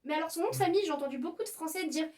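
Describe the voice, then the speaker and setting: A woman's voice: very high voice, rapid-fire, a little mellow, recorded from a distance. A young woman, a video host, explaining pronunciation in a casual, playful way and exaggerating the mistakes. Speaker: YouTuber teaching pronunciation.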